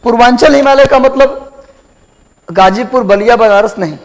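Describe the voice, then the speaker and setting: A man with a very high voice speaks at normal speed in a roughly recorded geography lesson. He lectures repetitively, going back over terms and asking his students questions.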